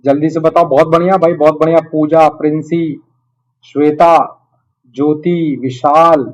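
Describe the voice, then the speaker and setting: Higher-pitched man teaching children, encouraging. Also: flat delivery, unhurried, lo-fi sound. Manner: encouraging, addresses students as children, frequent check-in tags. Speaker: online history teacher. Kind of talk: live quiz lesson with students, conversational teaching.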